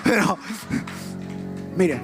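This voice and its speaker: A man preaching a sermon in a passionate, direct way, speaking straight to the listener. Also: very slow. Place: church. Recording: with background music. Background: music.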